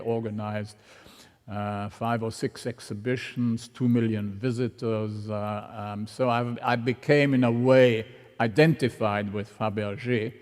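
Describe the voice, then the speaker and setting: Older male art historian, slow deliberate lecturing with wry asides, mid-pitched voice, long lecture-hall reverb. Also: darkish tone. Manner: unhurried, anecdotal, with wry asides. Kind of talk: public lecture.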